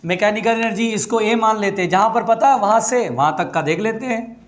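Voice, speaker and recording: High-voiced teasing physics teacher man. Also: brisk. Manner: teasing, chatty, coaxes students along. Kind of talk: classroom lecture.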